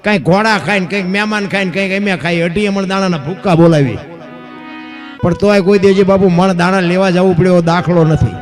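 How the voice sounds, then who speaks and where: High-voiced rustic man telling folk tales. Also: fairly quick, soft background music. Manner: rustic, addresses listeners as bapu, acts out dialogue. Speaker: folk storyteller. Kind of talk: Gujarati village folk tale telling.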